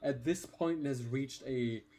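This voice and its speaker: A man's voice: medium pitch, a little slow, dark tone. A young man hosting a casual chat, who stumbles, repeats words and breaks into laughter easily. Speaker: podcast host.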